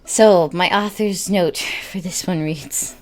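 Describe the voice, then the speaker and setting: A woman's voice: on the low side, slow pace. A young adult woman rambling through casual commentary, swearing freely and laughing as she talks. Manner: swears freely, laughs often, many fillers. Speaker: video creator.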